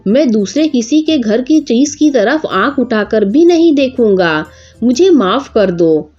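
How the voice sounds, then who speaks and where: A woman's voice: on the high side, expressive, measured pace, a little mellow, husky, dull audio, soft background music. A woman voicing a village thief man who boasts, then whines and pleads for mercy. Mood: pleading. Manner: pleading and whining.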